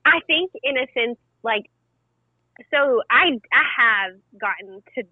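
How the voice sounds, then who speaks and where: A woman's voice: a little high, animated, slow, husky, dry recording. A woman in her late twenties talking candidly in a casual podcast chat, laughing easily. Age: 20s. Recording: dull, dry, lo-fi sound.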